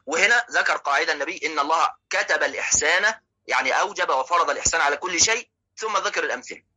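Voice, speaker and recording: Egyptian guy teaching a religious lesson super fast, bright edgy voice, keeps asking "ok?" to check everyone follows. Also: fairly high pitch, husky, poor audio. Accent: Egyptian Arabic. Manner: explanatory, poses rhetorical questions and checks in with listeners. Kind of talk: religious lesson explaining hadith.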